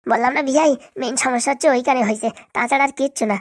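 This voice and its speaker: A proud mother-in-law talks her way around her own temper in a cartoon, voiced by a woman. The voice is high and very quick. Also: fairly even intonation. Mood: placating. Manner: quick, self-justifying. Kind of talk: cartoon voice acting.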